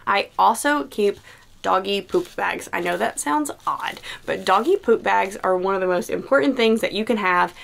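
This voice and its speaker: A woman's voice: mid-range voice, animated, moderate pace, vocal fry, a bit bright. A young woman giving casual, chatty practical tips as a mom vlogger, with many "like" fillers. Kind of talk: casual how-to vlog.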